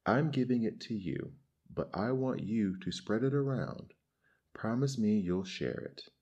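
A man's voice: fairly low pitch, lively intonation, measured pace, mellow, breathy edge, muffled recording, pitched above the performer's own voice, full character voice. A man voicing a grave, commanding male sky god in a storybook folktale. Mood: solemn.

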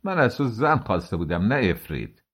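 A man voicing a foul-mouthed, sharp-tongued older woman pilgrim who curses and scolds. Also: fairly low pitch, sing-song. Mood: scolding.

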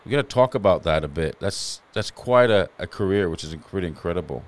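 A man hosting a podcast interview in a relaxed, chatty manner. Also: deep voice, fast. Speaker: podcast host. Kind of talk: conversational interview.

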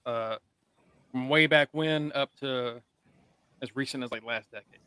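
A man's voice: mid-range voice, unhurried, bright, forceful tone, clean tone, dry recording. A male podcast co-host talking in a casual, conversational style. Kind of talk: casual chat.

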